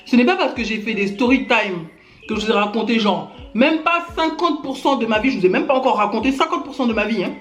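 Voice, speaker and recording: Speaking fast with lively intonation in a voice on the high side, a woman YouTuber from Gabon vents her indignation directly at critics. Fillers like "hein" and "genre" crop up constantly. The recording has room echo and faint music.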